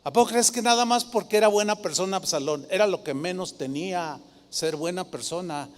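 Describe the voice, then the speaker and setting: Male pastor, high-pitched and theatrical, preaching in a reverberant church. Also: brisk. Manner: dramatic preaching, mimics flatterers in a sugary voice. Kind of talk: sermon.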